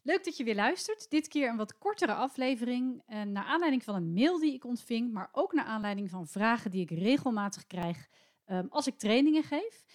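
A woman in her forties from the Netherlands hosting a solo podcast, chatty and opinionated, often pausing with hesitations. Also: a little high, animated. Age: 40s. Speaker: podcast host and English teacher trainer.

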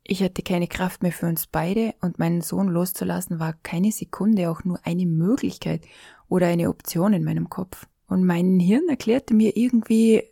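A middle-aged woman with an Austrian accent recounts an emotional personal experience. Her voice sits low and warm, and she often sinks into a whisper. The sound is close and dry, with no room echo. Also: normal speed, creaky, slightly rough. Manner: intimate, often sinking to a whisper. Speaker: storyteller.

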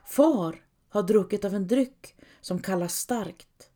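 A woman's voice: mid-range voice, lightly acted. A woman reading an audiobook voices a tired young farm wife and mother who answers breathlessly and tells her children a tale. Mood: storytelling. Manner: breathless, gentle storytelling to children.

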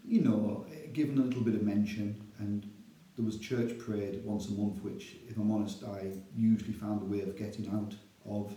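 Middle-aged Northern English man, church elder guest, low mellow voice, chatty storyteller. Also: flat delivery, moderate pace, few pauses, reverberant, poor audio. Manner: chatty, self-deprecating, laughs often. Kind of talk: casual storytelling interview.

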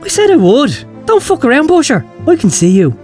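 A paranoid, dozy Irish hippie in a comic cartoon. He rambles in a confused, spaced-out way, very high in pitch and extremely animated in melody. Music plays underneath. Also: fairly quick, full character voice. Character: dazed, paranoid, dozy hippie stoner man. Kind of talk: comic dialogue acting.

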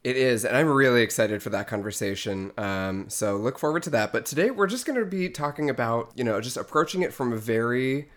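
A woman's voice: rumbling low, lively intonation, a little fast, few pauses. A woman co-hosting a casual game podcast, chatty and playful. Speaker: podcast co-host.

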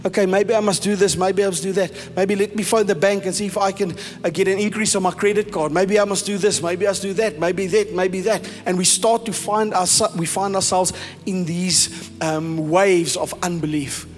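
Pastor, South African man, high voice, emphatic preaching, long hall echo with soft music behind. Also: fairly even intonation, moderate pace, few pauses. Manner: emphatic preaching, mixing in Afrikaans phrases. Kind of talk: sermon.

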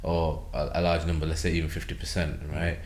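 A man's voice: a bass voice, little pitch movement, a little fast, a little mellow. A man talking as a guest in a casual podcast conversation, rambling with many fillers and restarts. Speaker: podcast guest from an event organisation. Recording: roomy echo.

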